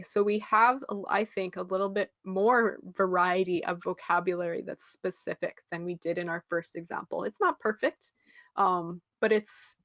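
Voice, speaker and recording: A woman's voice: fairly low pitch, no room sound, highs cut off. Woman teaching a test prep lesson. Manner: friendly, explanatory, frequent ums. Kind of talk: live online lesson.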